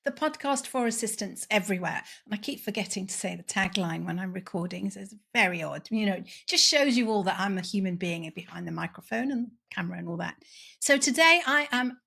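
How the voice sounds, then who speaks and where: A woman's voice: mid-range voice, lively intonation, brisk, creaky, sharp tone, breathy edge. A woman hosting a podcast interview, chatty and enthusiastic, with a self-deprecating humour. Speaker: podcast host.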